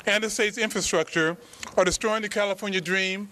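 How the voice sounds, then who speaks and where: A man's voice: high voice, steady tone, fairly quick, pushed and bright, slight background noise, low-quality recording. A man giving a public speech as a campaign speaker.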